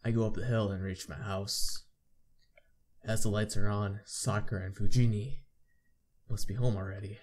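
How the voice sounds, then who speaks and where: Hosting a visual novel playthrough, a man reads the story text aloud and comments casually over the game's background music. His voice is on the low side and a little mellow, with fairly even intonation, normal speed and frequent pauses.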